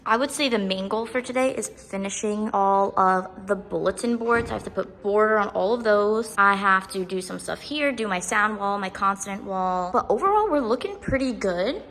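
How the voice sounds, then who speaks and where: Chatty young woman with gravelly fry. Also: mid-range voice, normal speed, few pauses, a bit bright, a little hiss or hum, low-quality recording. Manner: chatty, filler-heavy, upbeat. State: out of breath. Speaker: first grade teacher. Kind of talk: casual vlog narration.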